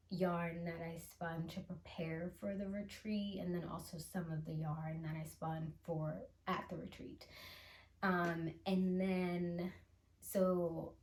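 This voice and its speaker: A woman hosting a casual show-and-tell vlog, chatty and unhurried, with soft laughs and fillers. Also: lowish voice, echoey room. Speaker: channel host.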